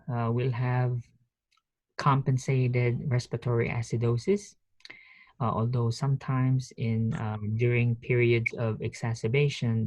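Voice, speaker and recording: A man giving an online nursing lecture through a headset mic on a video call, speaking haltingly with many fillers and restarts. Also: medium pitch, a little mellow, no room sound, rough recording. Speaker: nursing professor. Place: office.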